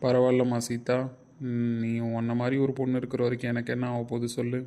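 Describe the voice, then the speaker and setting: A man's voice: medium pitch, monotone, fast talker, mellow, close to an everyday voice. A man playing a middle-aged husband who makes teasing, wry remarks. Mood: grateful.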